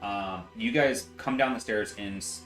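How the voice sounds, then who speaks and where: A man's voice: fairly low pitch, unhurried. A man running a tabletop game as game master, narrating with lots of fillers. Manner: relaxed, filler-heavy narration. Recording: roomy echo, faint music.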